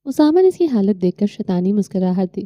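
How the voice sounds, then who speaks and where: A woman narrating an audio novel in a steady storytelling manner. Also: medium pitch, dry recording, studio quality.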